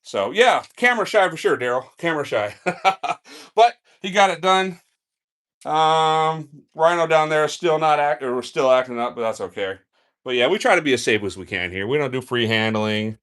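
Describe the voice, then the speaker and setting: A man's voice: fairly high pitch, moderate pace. Chatty man hosting a snake-feeding stream. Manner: relaxed and chatty, coaxing the snakes and answering viewers' questions. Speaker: reptile keeper streaming a live snake feeding. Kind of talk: casual live-stream narration. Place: indoor snake room with enclosures. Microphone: handheld phone camera.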